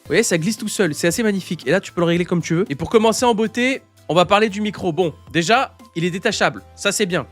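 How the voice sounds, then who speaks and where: Rapid, foul-mouthed man rambling through a gear review on a headset mic. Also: sits high, soft background music. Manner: crude, joking, rambling. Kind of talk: casual product review. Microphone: gaming headset mic.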